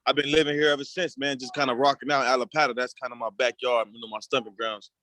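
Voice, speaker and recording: A man's voice: mid-range voice, little pitch movement, fast, pushed and bright, slight background noise. A young man from Puerto Rico, a rap artist, telling his story in a laid-back, slangy way as an interview guest. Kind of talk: casual interview talk.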